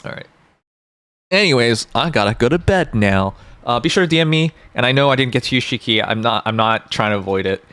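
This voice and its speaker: Male streamer, mid-pitched, informal and joking, chatting to viewers on a close, dry mic. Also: expressive, a little fast, a bit bright, clean tone, dry recording. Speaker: live streamer, host. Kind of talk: casual livestream chat with viewers.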